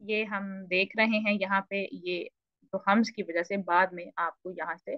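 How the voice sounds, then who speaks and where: A woman teaching a recitation lesson with a Pakistani Urdu accent, patiently repeating and slowly demonstrating letter sounds. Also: medium pitch, level tone, dry recording, muffled recording. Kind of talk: online lesson explaining tajweed.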